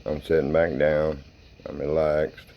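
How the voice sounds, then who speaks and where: A man's voice: extremely low pitch, little pitch movement, measured pace, highs cut off, a little hiss or hum. A man casually narrating a paranormal session and questioning spirits in a folksy, plain-spoken way. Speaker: paranormal investigator hosting a spirit box session.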